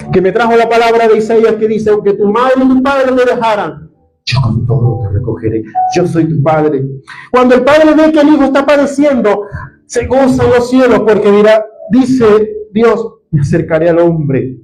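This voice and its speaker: Predicador venezolano de voz aguda, apasionado. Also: male voice, high voice, poor audio. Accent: Venezuelan Spanish. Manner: impassioned, swings from soft to loud. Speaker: preacher. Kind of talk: sermon.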